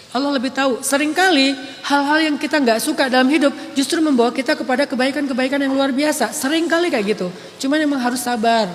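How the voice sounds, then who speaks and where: Soft-voiced man preaching casually in a hall. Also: very high voice. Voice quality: soft voice often mistaken for a woman's on the phone. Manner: casual, joking, laughing storytelling. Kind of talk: relaxed sharing talk to an audience. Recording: long hall reverb, faint background noise.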